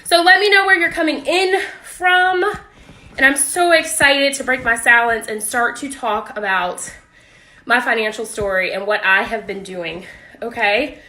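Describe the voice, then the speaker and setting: Woman, high voice, bright and forceful, chatty livestream host, echoey room. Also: measured pace. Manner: chatty, upbeat, greets viewers, laughs often. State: warm and a bit out of breath. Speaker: physician hosting a livestream. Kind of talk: casual livestream talk. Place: hot home office. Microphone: phone or webcam livestream.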